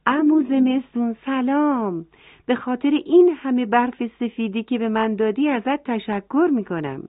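A woman voicing the gentle green Earth, thankful. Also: on the low side, lively intonation, dry recording, lightly acted. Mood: eager. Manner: earnest, thankful. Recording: tinny phone-like dry sound.

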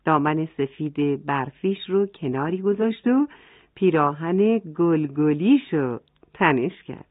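A woman tells a children's story gently, speaking straight to young listeners. Her voice sits a little low. The recording is thin like a phone line and completely dry. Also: expressive, dry recording. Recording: tinny phone-like dry sound.

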